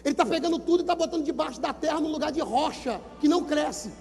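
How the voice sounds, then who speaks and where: High-voiced preaching Brazilian pastor, booming hall. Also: male voice, quick pace, soft background music. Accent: Brazilian Portuguese. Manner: emphatic preaching, repeats numbers, urges listeners to shout. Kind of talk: sermon at a youth event. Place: large gymnasium. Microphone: handheld microphone. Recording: long gymnasium reverb.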